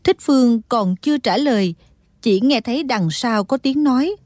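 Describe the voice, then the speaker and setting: A woman reads a martial-arts audiobook in a steady, dramatic storytelling manner. Her voice sits fairly high and sounds close and dry, with no room around it. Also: moderate pace, no echo. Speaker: audiobook narrator. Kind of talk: dramatic scripted narration.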